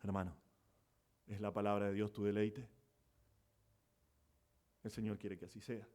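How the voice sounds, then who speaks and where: A man's voice: fairly low pitch, level tone, a little slow, a little mellow. A man with a Rioplatense Argentine accent preaching a church sermon, explaining scripture and rising to emphatic exclamations. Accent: Rioplatense Spanish. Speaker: pastor.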